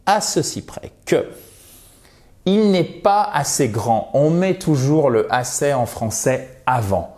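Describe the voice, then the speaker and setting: A man with a French accent teaches English grammar online, his voice sitting at an ordinary middle pitch. He explains in quick bursts, then slows right down to model each example phrase clearly. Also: lively intonation, darkish tone. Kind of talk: online language lesson.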